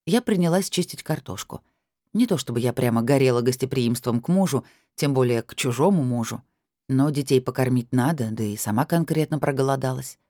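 Female audiobook reader, first-person narration, ironic edge, warm mellow voice, dry studio sound. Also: rumbling low, lively intonation, fairly quick, dry recording. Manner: wry, ironic storytelling.

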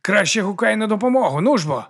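A man reading an audiobook and voicing an aggressive male thug who talks loudly and picks fights. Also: high voice, expressive, fast, creaky, breathy edge, pitched above the performer's own voice, heavily acted. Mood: menacing. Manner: loud and confrontational. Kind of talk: audiobook character voice.

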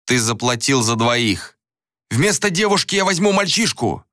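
A man's voice: mid-range voice, sing-song, moderate pace, a bit bright, dry recording, clean studio sound, voice pushed up. A man doing a sneering whip-cracking bandit. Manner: sneering, threatening. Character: mocking greedy male bandit with a whip.

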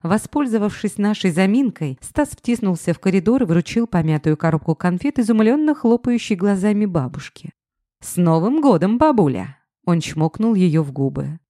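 A woman narrating an audiobook with lively storytelling. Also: medium pitch, normal speed, few pauses, no echo, studio quality.

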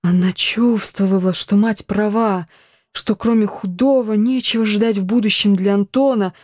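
A woman narrating a historical novel in an audiobook, measured storytelling. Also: mid-range voice, fairly even intonation, a little mellow, dry recording, clean studio sound.

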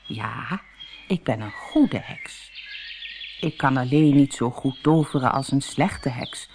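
A woman voicing a kindly old witch in a storybook, speaking softly and gently. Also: extremely low pitch, lively intonation, takes it slowly, a little hiss or hum, voice pushed down, full character voice. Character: kindly old good witch, small and stiff.

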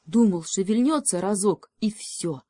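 A woman voicing an earnest, loyal young male beaver, quick to protest. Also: medium pitch, lively intonation, dark tone, no room sound, studio quality. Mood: relieved.

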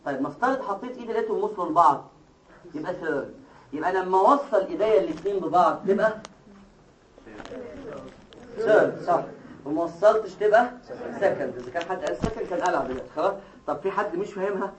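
A man with an Egyptian Arabic accent giving a classroom lecture, explaining step by step and quizzing his students with quick questions. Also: high-pitched, lively intonation, recorded from a distance. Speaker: medical lecturer. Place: lecture hall. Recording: echoey hall, taped from afar.

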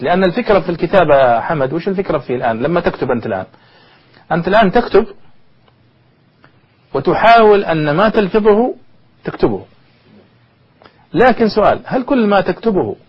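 Brisk male lecturer, husky and a bit high, keeps firing questions at the class. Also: big pitch swings. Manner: quizzes listeners with rhetorical questions. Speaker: university lecturer. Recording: dull lo-fi recording.

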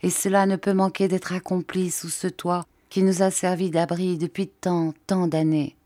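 A woman reading an audiobook, voicing a distraught old widow who pleads in a high, urgent voice. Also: flat delivery, moderate pace, dark tone, dry recording, close to an everyday voice. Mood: consoling.

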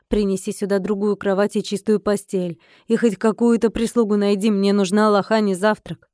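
A woman reading an audiobook and voicing a cold, commanding male mage lord who speaks in a calm, businesslike way. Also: medium pitch, normal speed, no echo, clean studio sound, close to an everyday voice.

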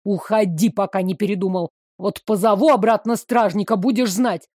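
A woman voicing a grumpy grey-haired old male shopkeeper who speaks low, curt and grudging. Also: moderate pace, darkish tone, no room sound, studio quality, close to an everyday voice.

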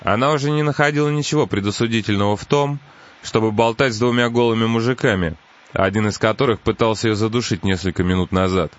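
Guy reading an audiobook, lowish voice, muffled bit hissy. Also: fast. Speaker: narrator. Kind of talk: audiobook narration. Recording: dull lo-fi audiobook with faint hiss.

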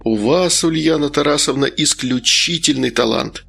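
Audiobook: a courteous, flattering gardener, played by the reader. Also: male voice, on the high side, moderate pace, creaky, slightly rough, full character voice. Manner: courteous, eager. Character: polite flattering young gardener.

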